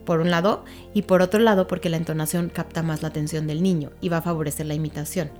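A woman's voice: low-pitched, steady tone, quick pace, darkish tone, soft background music. A woman speech therapist, patiently explaining with examples and checking that her listener follows. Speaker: child language therapist. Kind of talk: explanatory interview talk.

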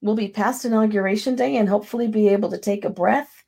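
Gravelly-voiced woman co-host. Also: mid-range voice, steady tone, fast talker, mellow. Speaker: therapist and co-host. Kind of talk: casual conversation.

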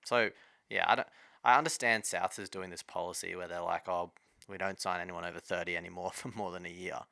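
A man's voice: sits low, steady tone, brisk, creaky, sharp tone, no echo, clean studio sound. An Australian man co-hosting a sports podcast, chatting casually about rugby league in a blokey, slangy, opinionated way.

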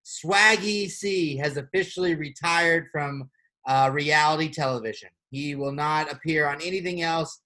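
A fairly high-voiced man co-hosting a casual podcast. He is playful and loose, full of fillers and the odd swear word, and hams it up when he reads out gossip. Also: moderate pace. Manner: playful, animated reading of gossip. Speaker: podcast co-host. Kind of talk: casual chat.

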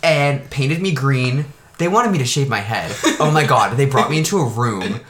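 A young man telling a story in casual chat, animated and swearing often. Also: medium pitch, normal speed, echoey room.

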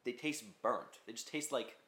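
A man's voice: medium pitch, moderate pace, a bit bright. A young man co-hosting a casual podcast chat, rambling and swearing freely as he lists things off. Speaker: podcast co-host. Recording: roomy echo.

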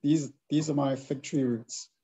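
A man's voice: mid-range voice, fairly even intonation, measured pace, husky, poor audio. A man hosting a spiritual conversation, earnestly agreeing and musing about energy and healing. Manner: soft affirming backchannels, earnest. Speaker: podcast host.

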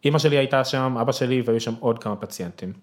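A young man, a podcast guest, telling a personal story with emotion and acting out his own past shouts. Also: mid-range voice.

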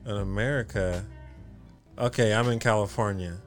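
A man's voice: on the low side, moderate pace, soft background music. A man co-hosting a casual podcast chat, joking and laughing at his own remarks. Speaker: podcast co-host.

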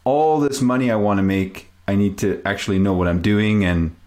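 This podcast guest is a man in his forties from Canada whose first language is French, speaking in a relaxed, thoughtful way during an interview. He has a lowish, somewhat dark voice and keeps a moderate pace.

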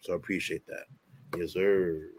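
Deep-voiced laid-back man guest. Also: steady tone, moderate pace, darkish tone, slight background noise. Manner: laid-back, slangy, swears freely. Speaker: guest rap artist. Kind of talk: casual chat.

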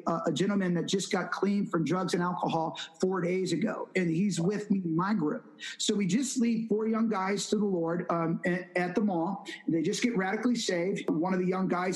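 High-voiced man telling a testimony. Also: rough recording. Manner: animated storyteller who acts out quoted speech; repetitive, emphatic phrasing. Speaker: evangelist guest. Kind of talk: testimony storytelling in an interview.

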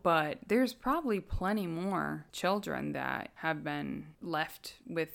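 A woman's voice: sits low, slow pace, vocal fry, a bit bright. A woman hosting a casual podcast, talking loosely and swearing freely as she tells a story. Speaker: podcast host. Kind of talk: casual true-crime podcast chat.

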